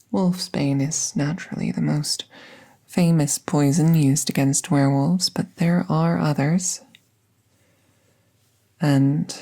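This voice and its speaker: This woman's voice sits low and is heavily acted as she portrays a gentle magical veterinarian for ASMR. Hushed and breathy, she sounds calm and serious while offering soothing reassurance.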